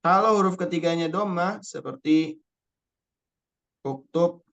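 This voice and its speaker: A man's voice: on the high side, fairly bright tone, lo-fi sound. A young man teaching an online Arabic spelling lesson, patiently explaining rules step by step and repeating key words. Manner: recites Quranic verses slowly in chant.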